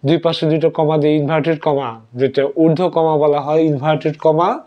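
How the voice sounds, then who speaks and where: A man teaching an English vocabulary lesson, spelling words out letter by letter and repeating them slowly. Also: fairly high pitch, fairly even intonation. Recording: dull lo-fi audio.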